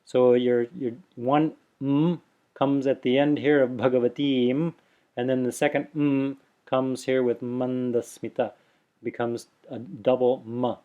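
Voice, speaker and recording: A man teaching Sanskrit pronunciation in a video lesson, explaining patiently and sounding out words slowly so his mouth can be seen. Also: mid-range voice, darkish tone. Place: indoors, on camera showing his mouth.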